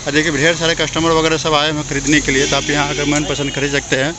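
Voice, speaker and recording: A man's voice: on the high side, monotone, quick pace. A man hosting a casual vlog, chatty and repetitive as he talks straight to viewers while walking an outdoor car market on a handheld phone camera. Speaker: vlogger host. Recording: street traffic noise.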